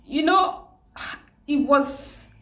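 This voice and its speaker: A grieving Nigerian woman, a vlogger, tells a personal story at home in a high, fairly bright voice with a Nigerian accent. She speaks haltingly and tearfully, repeating words and often starting over, in a room with a roomy echo.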